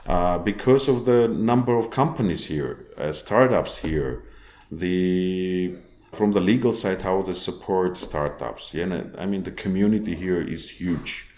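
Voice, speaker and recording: A man's voice: deep voice, a little mellow. Man in an echoey room. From Armenia. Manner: halting non-native phrasing with many restarts. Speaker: startup founder guest. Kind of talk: podcast interview.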